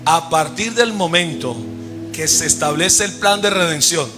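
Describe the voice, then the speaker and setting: High-voiced pastor, preaching. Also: male voice, music in the background. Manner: fires quick questions at the congregation and has them complete his sentences; swings between loud, raised emphasis and low, quiet asides. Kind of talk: sermon. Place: church service.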